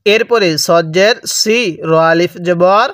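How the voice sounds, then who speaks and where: A Bangladeshi man teaches Quran reading syllable by syllable and asks his learners to repeat after him. His voice is high and smooth, and he keeps a slow, drawn-out pace. The recording is close and dry, with no room sound. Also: fairly bright tone, dry recording. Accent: Bangladeshi Bengali. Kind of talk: spelling-out recitation lesson.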